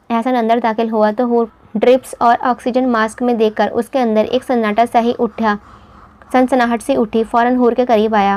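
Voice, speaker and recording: A woman's voice: on the high side, darkish tone. A woman narrating a romance novel, voicing every character herself and rising for anguished dialogue. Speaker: audiobook narrator. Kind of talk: reading a romance novel aloud.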